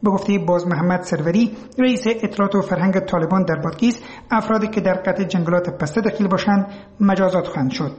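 A man's voice: high voice, a little mellow, highs cut off. A man with an Afghan accent reading a scripted radio news report as a reporter. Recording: roomy, echoing voice recording.

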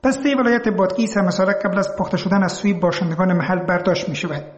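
A man's voice: high voice, dull audio. A man with an Afghan accent reading a scripted radio news report as a reporter. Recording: roomy, echoing voice recording.

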